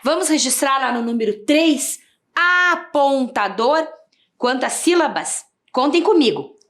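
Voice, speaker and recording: A woman's voice: high voice, lively intonation, unhurried. A Brazilian woman teaching a video reading lesson to young children, stretching out syllables and asking sing-song questions. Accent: Brazilian Portuguese. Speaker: primary school teacher.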